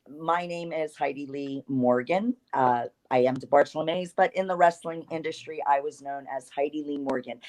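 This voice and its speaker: A woman in her fifties with a New Jersey accent speaks in a notably low, husky-toned register. She talks as an interview guest, rambling through stories in a chatty way and laughing easily. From South Jersey, USA. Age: 50s. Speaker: guest, retired wrestler. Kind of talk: casual interview storytelling.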